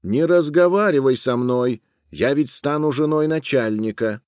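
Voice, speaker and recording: A man voicing a haughty, rude young woman who scornfully shouts people away. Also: medium pitch, measured pace, no echo, studio quality, voice pushed up, lightly acted.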